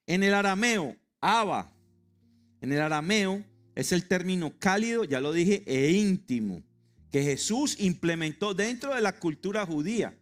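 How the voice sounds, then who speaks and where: A middle-aged man preaching a sermon to his congregation, emphatic and joking, spelling out words for them. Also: high-pitched. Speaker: pastor. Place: church sanctuary.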